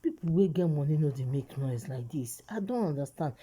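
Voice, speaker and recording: A woman's voice: sits low, expressive, brisk, dark tone, slight background noise. A woman with a Nigerian accent giving casual gossip commentary in Nigerian Pidgin as a vlog host, urging listeners and repeating phrases for emphasis.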